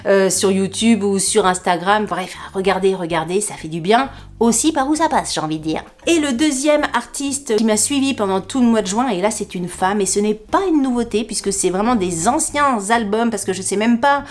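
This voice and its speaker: A woman's voice: mid-range voice, moderate pace. A middle-aged woman vlogger chatting casually to her viewers, enthusiastic and talkative, with many fillers and little laughs. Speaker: beauty and lifestyle vlogger. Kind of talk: casual chat to camera.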